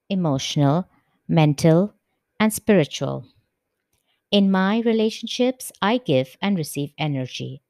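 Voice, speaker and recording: A woman with a lowish voice hosts a reflective podcast, introducing her guest in a careful, measured way. She slows her pace to stress key phrases. Her voice sits dry and close to the mic. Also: darkish tone, no room sound. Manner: measured, deliberate delivery with slowed emphasis. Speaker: podcast host. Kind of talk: scripted podcast introduction and interview. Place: currently in India.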